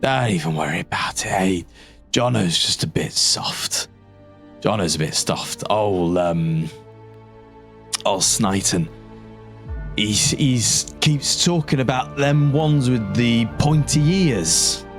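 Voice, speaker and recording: A man's voice: on the low side, expressive, takes it slowly. A man voicing a gossipy, weary guardsman in an improvised tabletop role-play, rambling and grumbling. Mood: dismissive gossip. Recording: music under the voice.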